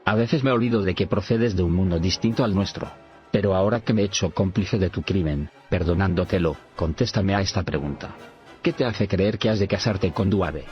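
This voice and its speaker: Man reading a solemn, honor-bound warrior noble, very deep voice, slightly dull recording with faint music underneath. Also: a little fast, lightly acted. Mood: grave.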